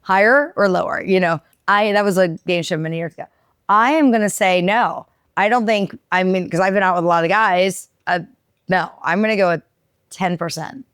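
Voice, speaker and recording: A woman's voice: mid-range voice, moderate pace, a bit bright, smooth, no echo, clean studio sound. A woman co-hosting a podcast in casual chat, frank and full of questions. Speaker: podcast co-host.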